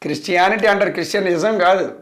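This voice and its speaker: A pastor preaching with a fairly high voice. He drives each point home by repeating it and asking question after question. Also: rapid-fire, a bit bright. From India. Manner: emphatic, repetitive preaching with rhetorical questions. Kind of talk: sermon.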